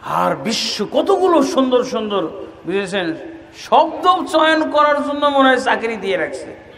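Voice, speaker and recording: A male preacher from Bangladesh delivering an impassioned sermon to a large outdoor gathering, shouting at its peaks with mocking asides. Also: very high voice, big pitch swings, a little slow. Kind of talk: fiery sermon at an open-air gathering. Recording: echoey loudspeaker sound with long reverb.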